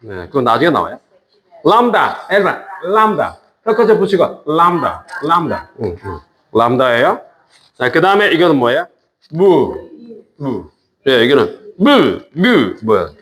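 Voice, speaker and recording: A man teaches a class, patiently repeating each word and joking with his students. He speaks slowly, with a lively pitch, drawing out his repetitions.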